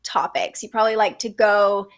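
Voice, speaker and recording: A woman hosting a podcast, giving a conversational astrology reading in a gentle, explanatory way. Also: medium pitch, moderate pace. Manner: gentle, explanatory, with light laughs and fillers.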